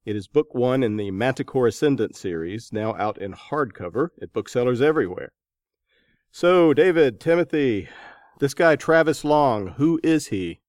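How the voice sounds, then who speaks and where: A man hosts a podcast, introducing guests and asking them interview questions. His mid-range voice is expressive and moderately paced, a little mellow, captured in a dry, clean studio recording.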